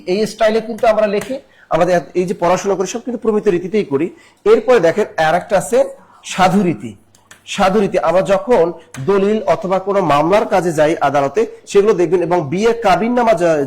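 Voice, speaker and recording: A man's voice: high voice, darkish tone. A man from Barishal, Bangladesh, teaching a live exam-prep class. He repeats key points and keeps asking his listeners questions. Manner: repetitive, drilling, asks the audience questions.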